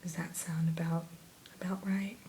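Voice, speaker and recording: A woman in a whispered role-play as an attentive spa consultant, gently talking a client through questions and advice like a spa receptionist. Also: on the low side, little pitch movement, moderate pace. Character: soothing, attentive female spa sleep consultant. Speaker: ASMR performer playing a spa sleep consultant. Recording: close whisper with background hiss.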